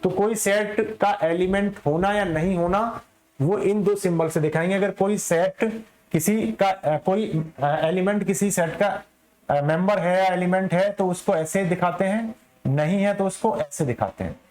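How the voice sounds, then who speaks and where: High-voiced maths teacher, echoey room. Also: male voice, unhurried, darkish tone. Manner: explains step by step, asks and answers his own questions. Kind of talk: classroom lecture.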